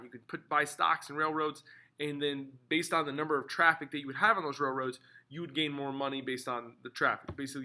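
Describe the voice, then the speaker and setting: An energetic man lectures as a history teacher, drilling key terms by repeating them over and over. His voice is bright and forceful, and it sits a little above the usual pitch for a man. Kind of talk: classroom lecture video.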